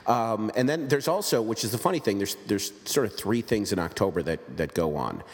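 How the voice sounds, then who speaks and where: A man with a low voice chats as a podcast host, rambling and cracking jokes at his own expense. His voice carries a long reverb tail. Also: expressive, brisk. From United States. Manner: joking, rambling, self-deprecating. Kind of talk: casual podcast chat.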